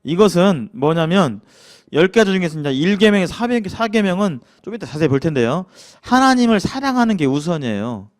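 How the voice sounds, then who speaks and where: A man's voice: high-pitched, a little fast. A man with a Jeolla accent teaching a casual church Bible lecture, asking the class questions and acting out grumbling quotes. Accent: Jeolla Korean. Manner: lively, acts out grumbling quotes, chuckles, asks the class questions.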